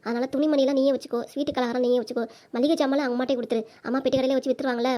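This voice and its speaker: A woman's voice: sits high, flat delivery, very fast, dark tone, natural voice. A woman voicing a kind middle-aged mother-in-law with a southern Tamil accent, coaxing and persuasive. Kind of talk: cartoon voice acting.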